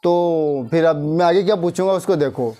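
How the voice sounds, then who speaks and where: A man teaching a class, saying English sentences slowly and repeating them before explaining. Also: on the high side, noisy background. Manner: slow, repeats English phrases then explains in Hindi.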